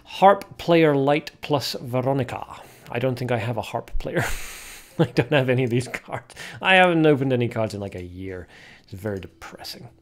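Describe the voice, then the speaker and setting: A young man hosts a casual card-game livestream, chatting with viewers and reading card names aloud as he opens packs. He speaks expressively at a moderate pace in a medium-pitched voice.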